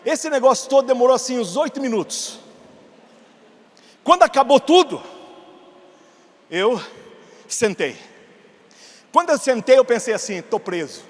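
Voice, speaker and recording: Animated preacher man in a reverberant hall. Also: very high voice, unhurried, pauses often. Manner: animated storytelling, acting out dialogue, rising to shouts. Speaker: pastor. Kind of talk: sermon with personal story. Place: church hall.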